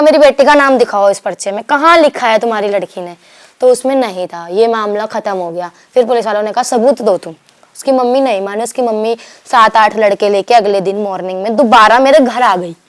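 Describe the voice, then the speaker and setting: A young woman from Delhi, telling her story to an interviewer in a rambling, animated way, acting out what others said and restarting her sentences. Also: fairly high pitch, brisk. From Delhi, India. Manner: rambling, animated retelling with quoted dialogue and restarts. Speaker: guest.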